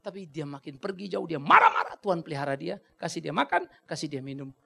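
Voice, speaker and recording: Gravelly high-voiced dramatic male preacher. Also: sing-song, fast. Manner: dramatic, swings from hushed to shouting; colloquial, blunt asides. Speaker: pastor. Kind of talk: sermon.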